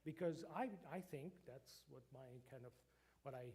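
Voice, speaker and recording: In a church meeting room, a middle-aged professor from Croatia lectures informally to a church group, his Croatian accent clear. His voice is medium-pitched and dark-toned at a normal speed, and he hesitates often, filling gaps and restarting sentences.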